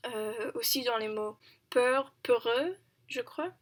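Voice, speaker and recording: Speaking to camera in a relaxed practice session, this language-learner vlogger is a woman in her 20s with a somewhat high voice. She's slow and hesitant, stops to hunt for words, fixes her own mistakes, and breaks into laughter a lot.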